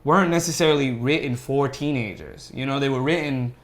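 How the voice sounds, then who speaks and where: A man with a mid-range voice talks fairly quickly as one of the panelists in a casual podcast chat. He is opinionated and speaks with emphasis.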